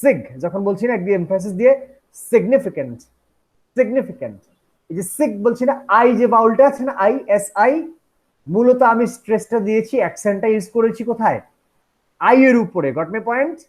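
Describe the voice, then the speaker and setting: A man's voice: sits high, brisk, darkish tone. A man teaching an English phonetics class, switching between Bengali and English and often asking whether the students follow. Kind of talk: classroom lecture.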